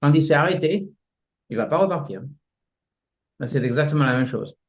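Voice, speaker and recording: Male martial arts teacher, halting, vivid examples, guest interview. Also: a little high, lively intonation. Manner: halting, many restarts, explains with images. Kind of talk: casual explanatory interview.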